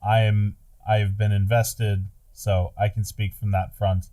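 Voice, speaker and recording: A man as a podcast guest in casual chat, relaxed and hesitant with many fillers. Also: fairly low pitch, a little slow.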